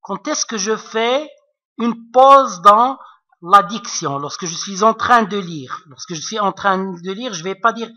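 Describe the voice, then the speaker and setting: Slow, bright-toned male teacher, hesitant. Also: high voice. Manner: hesitant, many fillers, keeps checking understanding. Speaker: French literature teacher. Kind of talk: recorded online lesson. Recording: dull lo-fi recording.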